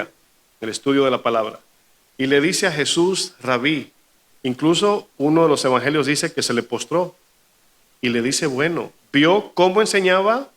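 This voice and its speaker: A man's voice: fairly high pitch, a bit bright. A male pastor preaching a sermon, asking the congregation questions and acting out quoted lines.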